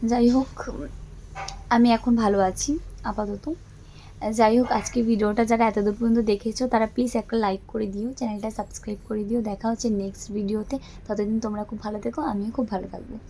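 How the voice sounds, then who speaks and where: A woman vlogger speaking slowly and softly to viewers, weak and low on voice. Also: little pitch movement, a little hiss or hum. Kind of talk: casual vlog to viewers.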